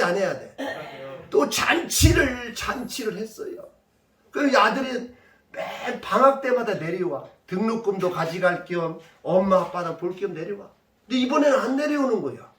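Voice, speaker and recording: A male pastor preaching emphatically, firing rhetorical questions at his congregation. His voice is very high and swings widely, and it rings through a roomy church from a distance. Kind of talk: sermon. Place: church sanctuary.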